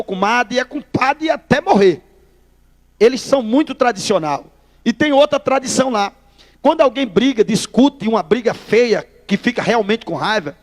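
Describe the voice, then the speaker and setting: In an extremely high-pitched voice with a long reverb tail, a preacher from Northeast Brazil tells his testimony during a sermon. A lively storyteller, he acts out the dialogue and calls his listeners brother.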